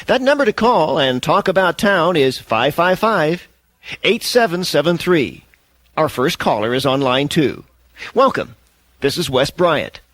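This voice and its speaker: A man doing brash radio host Wes, raised and lively. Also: on the high side, dry recording, pitched above the performer's own voice. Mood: upbeat. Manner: upbeat on-air banter, quick to charm. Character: brash smooth-talking male radio talk host.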